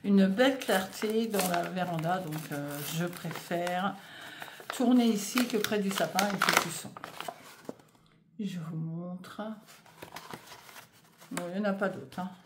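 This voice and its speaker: A woman's voice: on the low side, slow, long pauses, heavy background noise. A woman chatting casually in a knitting vlog, hesitant with many fillers, filming in her home conservatory. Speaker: knitting vlogger. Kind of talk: casual vlog chat, unboxing yarn.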